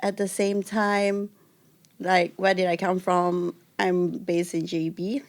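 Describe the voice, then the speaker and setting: A woman's voice: fairly low pitch, flat delivery, slow pace. Chatty woman from Malaysia, podcast guest. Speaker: guest, filmmaker and educator. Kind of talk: casual podcast chat.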